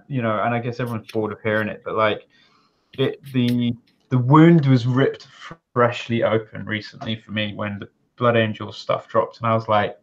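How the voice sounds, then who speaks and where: A man with a British accent chatting casually on a podcast, animated and profane, playfully indignant. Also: medium pitch, gravelly, muffled recording. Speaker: podcast co-host.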